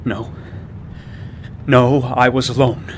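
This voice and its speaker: A man's voice: mid-range voice, flat delivery, slow pace, a little hiss or hum, close to an everyday voice. An actor playing a fearful religious zealot man who preaches about doom and breaks into frantic screams. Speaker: suspect in a game cutscene.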